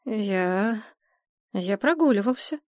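A woman voicing a shaken, hoarse male historian who talks slowly and apologetically in an audiobook. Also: mid-range voice, expressive, a little mellow, no echo, studio quality. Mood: flustered. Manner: slow, apologetic, babbling.

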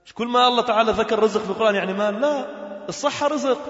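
Guy preaching, high voice, chants verses, echoey hall, kinda muffled. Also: very fast. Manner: animated, shifts between formal Arabic and dialect, chants Quran verses. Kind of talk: sermon. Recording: roomy, echoey hall, dull lo-fi sound.

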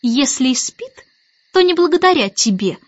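A woman reading an audiobook and voicing a haughty, sharp-tongued nanny who speaks in a clipped, disdainful way. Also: high voice, big pitch swings, moderate pace, no echo, dull audio, voice pushed up.

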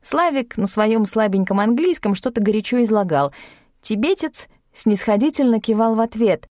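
A woman narrating an audiobook in a lively, expressive reading. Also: a little high, normal speed, dry recording, studio quality. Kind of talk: scripted narration.

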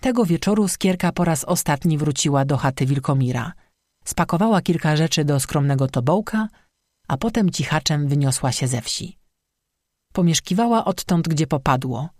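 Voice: mid-range voice, animated, moderate pace, darkish tone, no room sound. Dry, close audiobook narrator. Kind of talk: scripted storybook narration.

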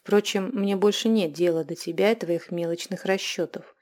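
A woman's voice: fairly low pitch, steady tone, normal speed, darkish tone, lightly acted. A woman doing a cold, scornful male ghost. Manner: cold and scornful, raising the voice in anger. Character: proud, cold male ghost, a shape-shifter.

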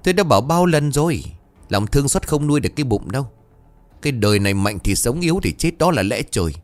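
A man's voice: lowish voice, fast, lightly acted. Figure: a man doing a harsh, greedy old landlord. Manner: curt, scornful. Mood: angry. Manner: curt, scornful, table-slamming.

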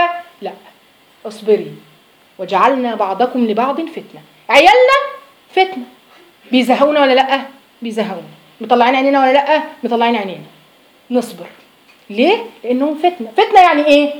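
A woman with an Egyptian Arabic accent giving a religious lesson to women, emphatic, asking her listeners questions and rising to loud exhortation. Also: sits high, echoey room, low-quality recording. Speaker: religious teacher.

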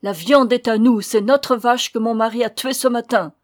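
A woman's voice: mid-range voice, normal speed, dry recording, studio quality, natural voice. A woman reading a storybook voices a fierce young woman who defends her home defiantly and indignantly. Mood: furious.

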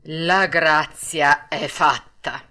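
A woman voicing a gruff bearded puppet-master in a storybook reading, speaking slowly in a lowered voice. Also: steady tone, pushed and bright, heavily acted. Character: gruff bearded puppet-master, stern but soft-hearted.

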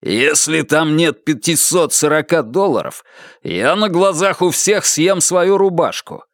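A brash, bullying loudmouth who blusters and threatens, as a man puts him on in a storybook reading. He talks a little above the narrator's pitch, with big, swinging intonation. The sound is dry and close. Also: animated, unhurried, dry recording. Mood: threatening.

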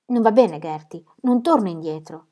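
A woman reader voicing a headstrong, excitable young woman in a storybook reading. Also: mid-range voice, normal speed, close to an everyday voice. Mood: defiant.

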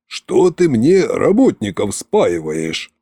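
A man reading an audiobook, voicing a weary, grumbling old tsar-sorcerer who speaks low, slow and resigned. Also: sing-song, dark tone, slightly rough, no room sound, clean studio sound, heavily acted.

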